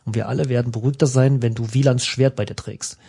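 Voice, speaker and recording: A man's voice: medium pitch, fairly even intonation, fast, gravelly, mellow, husky. A man voicing a grown male village blacksmith in a text adventure, speaking earnestly and firmly.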